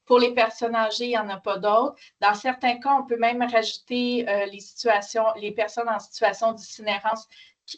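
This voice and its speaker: A woman's voice: on the high side, lo-fi sound. A woman with a Quebec French accent, speaking spontaneously as a panel speaker and explaining her points.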